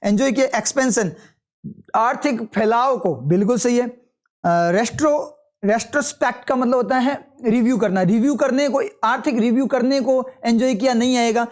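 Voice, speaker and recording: A man's voice: very high voice, normal speed. A man teaching English for exam prep, going through test answers step by step and asking and answering his own questions, with Hindi explanations mixed with English terms. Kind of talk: live test solution walkthrough.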